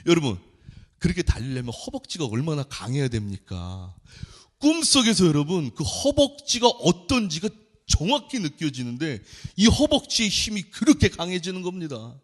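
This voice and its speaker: Impassioned male preacher, high lively voice. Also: normal speed. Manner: impassioned, swinging from soft to loud; tells a dream story vividly to the congregation. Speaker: junior pastor. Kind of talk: sermon.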